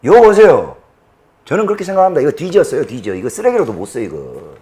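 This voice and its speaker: A man with a Jeolla Korean accent hosting a political commentary show, ranting in a fiery, profane way that swings from shouting to low muttering. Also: wildly swooping pitch, fast. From Jeolla, South Korea. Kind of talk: political rant to an audience.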